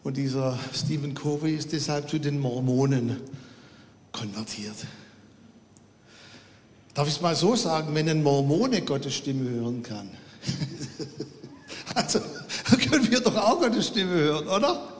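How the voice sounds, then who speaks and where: High-voiced preacher in a reverberant hall. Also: male voice, unhurried, pauses often, a little hiss or hum. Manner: animated storytelling with acted quotes. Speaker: pastor. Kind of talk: sermon.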